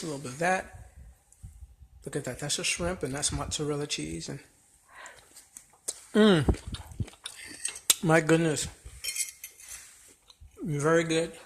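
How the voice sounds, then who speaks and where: A man walks through a home cooking demonstration in an easy, slow, meandering way, often pausing and restarting. His voice sits somewhat high for a man. Dishes and cutlery clink faintly in the background. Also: gravelly, noisy background. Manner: slow and unhurried, with many fillers and restarts. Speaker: home cook vlogger.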